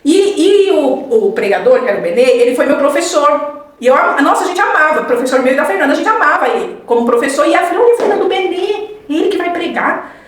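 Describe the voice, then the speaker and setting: A quick-talking woman tells her faith testimony as a podcast guest. She brings the story to life by acting out the dialogue. She is recorded from a distance in a very echoey room. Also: high voice, sing-song. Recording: very echoey room, mic far off.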